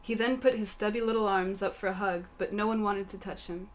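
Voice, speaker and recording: A woman reading a comic fantasy story aloud in a matter-of-fact, deadpan way. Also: mid-range voice, fairly quick. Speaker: story reader.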